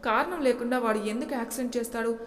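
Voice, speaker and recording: A woman voicing a moody young husband with a curt, gruff manner, in a storybook reading. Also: fairly high pitch, fast talker, close to an everyday voice. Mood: brooding. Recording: echoey room with long reverb.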